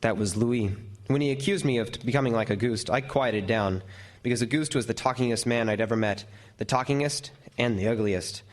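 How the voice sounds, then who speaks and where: Speaking at a medium pitch close to his everyday voice, a man narrates as a lighthouse keeper remembering a terrifying night, in the manner of old-time radio horror. He tells it in the first person, brooding and vivid, slow and deliberate, dwelling on each description.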